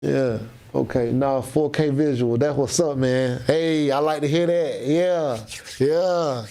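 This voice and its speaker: A man's voice: mid-range voice, slow, dark tone. Laid-back man chatting on a livestream. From Florida, US. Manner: laid-back, slangy, reads out chat comments. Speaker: livestream host. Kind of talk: casual live stream chat with viewers.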